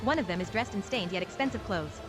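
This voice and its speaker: A woman's voice: mid-range voice, animated, quick pace, over music. A woman reading dramatic scripted narration as the narrator of a fantasy game.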